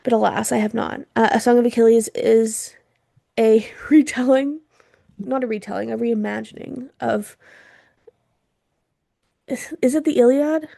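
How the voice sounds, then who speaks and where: A woman's voice: on the high side, a little slow, creaky, pauses often, mellow, no room sound, studio quality. A woman co-hosting a podcast in casual chat, chatty and laughing often, her throat irritated from smoke. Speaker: podcast co-host.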